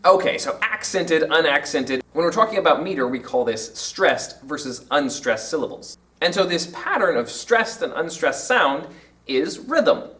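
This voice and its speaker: A man explaining poetry terms in an educational video lesson, with emphatic, drawn-out example words. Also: a little high, sing-song, pushed and bright, recorded from a distance.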